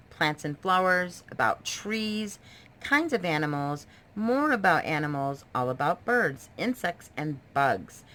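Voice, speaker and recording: A homeschooling mother presents books in a casual show-and-tell review, and the home video recording is noisy. Her voice is on the low side and fairly bright, and she talks enthusiastically and explains as she goes.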